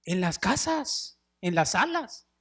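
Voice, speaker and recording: Male pastor, middle-aged, animated sermon storyteller with a bright tone. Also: high-pitched, slow pace. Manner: animated storytelling, acts out wailing mourners; addresses listeners as brothers, drops in English words. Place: church sanctuary.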